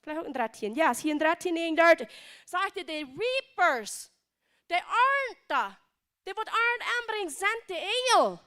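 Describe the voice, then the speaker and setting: A woman preaches with a Plautdietsch accent, her voice pitched very high. Her tone is bright and forceful, and she drives each point home by repeating it with emphasis. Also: big pitch swings, measured pace. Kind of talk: sermon.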